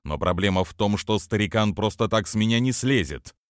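A male reader voicing a blunt, wry undercover agent who speaks patiently with gruff asides. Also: lowish voice, animated, a little fast, dry recording, clean studio sound, natural voice. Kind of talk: audiobook character voicing.

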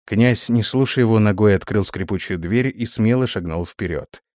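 A man narrating a fantasy story in a steady storytelling manner, voicing the characters. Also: fairly low pitch, normal speed, no echo, studio quality. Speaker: audiobook narrator.

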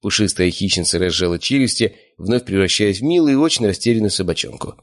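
A man with a fairly low voice narrates a first-person audiobook. His delivery is dry and sardonic, steady through long passages of story. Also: fast talker.

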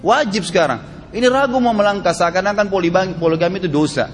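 A man preaching an Islamic sermon, forceful and emphatic, often asking rhetorical questions. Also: high voice, fast talker, a little hiss or hum. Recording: hall reverb with faint music behind.

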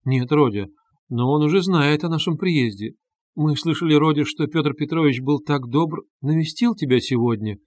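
A man's voice: a little high, moderate pace, a little mellow, no room sound, lightly acted. Brief: male narrator doing a fretful, pleading mother, dry booth sound. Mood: timid. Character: anxious, timid middle-aged mother. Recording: dry close studio sound.

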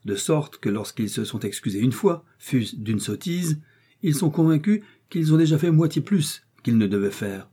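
A man reading an audiobook, voicing a young male Gascon swordsman, proud and quick to take offense. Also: mid-range voice, animated, warm tone, husky. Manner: touchy, proud, defiant.

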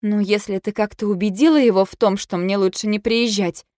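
A woman reading an audiobook, voicing a guilty young woman who speaks softly and hesitantly, near a whisper. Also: medium pitch, fairly even intonation, a little fast, no room sound, studio quality, voice pushed up, natural voice. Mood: hushed, guilty. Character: young woman, guilty, hushed former best friend.

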